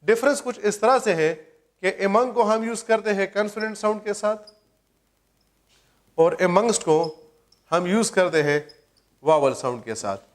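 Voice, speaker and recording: A man teaching English grammar, asking and answering his own questions and slowing down to read example sentences aloud. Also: sits high, lively intonation. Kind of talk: grammar lecture.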